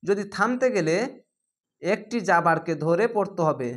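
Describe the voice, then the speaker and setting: Man patiently spelling out recitation slowly. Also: sits high, expressive. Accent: Bangladeshi Bengali. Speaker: Quran recitation teacher. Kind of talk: spelling and reading lesson.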